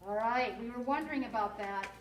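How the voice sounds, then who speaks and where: A woman's voice: a little high, brisk, noisy background. A woman teacher leading a class reading lesson, explaining words and quizzing her students. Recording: roomy classroom from far off.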